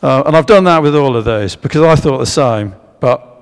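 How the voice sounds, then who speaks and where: A man gives a history lecture in a church, pausing on fillers and restarting his sentences as he asks the audience for guesses. His voice has a gravelly, creaky edge at a middling pitch. The church hall's long echo trails after his words. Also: lively intonation. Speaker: speaker giving a history talk. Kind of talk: public lecture with slides.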